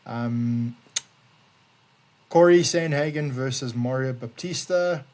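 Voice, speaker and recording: A man's voice: mid-range voice, slow pace, a little mellow. A man co-hosting a podcast in casual chat, laid-back as he reads out news items. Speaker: podcast co-host.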